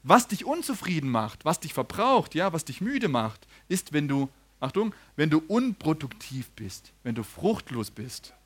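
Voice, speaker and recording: A man's voice: a little high, big pitch swings, a little slow, few pauses, fairly bright tone, slightly rough. A man preaching a sermon, telling stories, laughing and asking the congregation questions.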